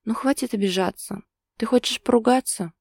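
A woman voicing a calm, teasing man who soothes his partner in a gentle, soothing way. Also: fairly high pitch, a little fast, breathy edge, dry recording, clean studio sound, pitched above the performer's own voice.

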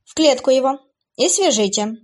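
A woman's voice: high voice, animated, normal speed, darkish tone, pitched above the performer's own voice. A woman voicing a cruel, playful female demoness who taunts her captive in a raised, sing-song voice for an audiobook. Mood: gloating.

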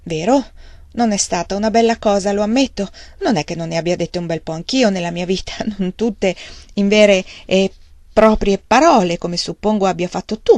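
A woman reading the lines of a kindly, teasing older gentleman in a fatherly, gently chiding manner. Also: medium pitch, dry recording, lightly acted.

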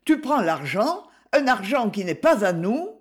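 A man's voice: sits high, very animated, measured pace, voice pushed up. A man reading aloud voices a distressed young woman confronting her father, in a raised pleading voice. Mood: shocked.

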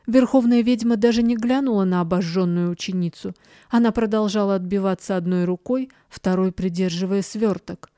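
A woman reads a dark fantasy story aloud in a steady, measured way. Her pitch is middling for a woman. The recording is dry and close with no room sound. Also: no echo. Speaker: audiobook narrator. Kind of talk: scripted fantasy narration.

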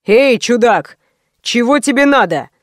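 A woman voicing a hulking young male thug who talks rough and blunt. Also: on the high side, animated, measured pace, no echo, studio quality. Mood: gruff.

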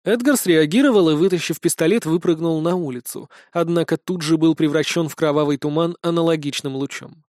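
A man narrating a story aloud with a brisk, expressive reading. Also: a little high, no echo, clean studio sound. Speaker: audiobook narrator.

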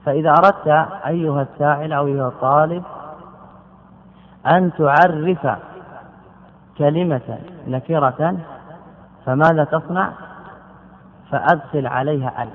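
A man giving a classical Arabic grammar lesson, drilling word forms by repeating them slowly and putting questions to his students. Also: fairly high pitch. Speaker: grammar teacher. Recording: tinny phone-like lecture recording.

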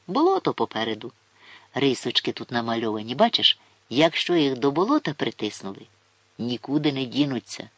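A man voicing a gruff, mocking older forester who looks down on city folk. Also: medium pitch, very animated, a little fast, a bit bright, dry recording. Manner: grumbling, scornful, folksy.

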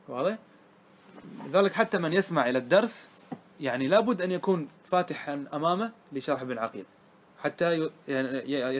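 A man teaching a grammar class to students, often asking them whether it is clear and repeating key words. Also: a little high, a little hiss or hum. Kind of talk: classroom lesson.

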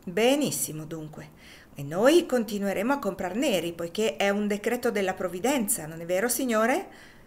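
A woman's voice: medium pitch, expressive, normal speed, a little mellow, close to an everyday voice. A woman reading the lines of a tall man who questions with biting sarcasm. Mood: sarcastic. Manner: sarcastic, probing.

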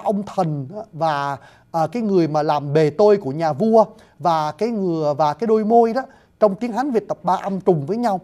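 Speaking in a high-sitting male voice with a dark tone, a man lectures on classical poetry, unpacking each word in turn. He frequently turns to his listeners with polite address and pauses with hesitant fillers.

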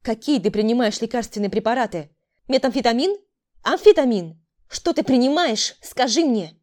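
A woman's voice: fairly high pitch, expressive, normal speed, darkish tone, voice pushed up, close to an everyday voice. Woman doing a stern, commanding older sister. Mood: accusing. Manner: commanding, interrogating.

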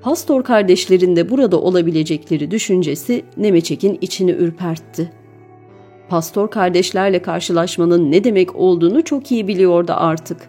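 A woman narrating a children's novel in an even, measured reading. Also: on the low side. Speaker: audiobook narrator. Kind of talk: storybook narration.

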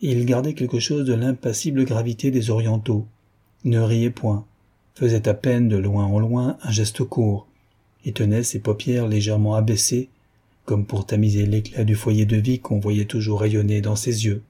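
Brief: male audiobook narrator, measured; dark, husky, lowish voice. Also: little pitch movement. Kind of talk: scripted narration of a classic novel.

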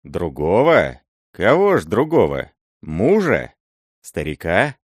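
A man's voice: lowish voice, animated, moderate pace, no echo, clean studio sound, close to an everyday voice. A man doing a hot-tempered young prince. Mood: imperious. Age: young adult. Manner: loud, imperious, shouting. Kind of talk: audiobook character voice.

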